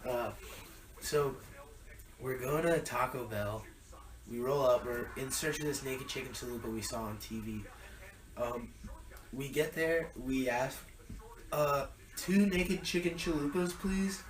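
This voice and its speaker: A man's voice: mid-range voice, a little slow, long pauses, reverberant, distant mic, a little hiss or hum, rough recording. A young man co-hosting a podcast, telling a rambling story in casual chat with lots of fillers. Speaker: podcast co-host.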